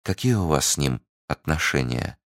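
A man's voice: extremely low pitch, animated, normal speed, gravelly, no echo, studio quality, exaggerated voice. A man voicing a timid, devoted young convent novice in love, speaking earnestly and trustingly. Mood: eager. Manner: earnest, trusting, easily startled.

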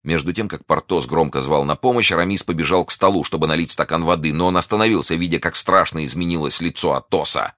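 Deep-voiced man reading a novel aloud. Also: fast talker, hardly any pauses, dry recording, studio quality. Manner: expressive, dramatic. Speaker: narrator. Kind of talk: audiobook reading of a classic novel.

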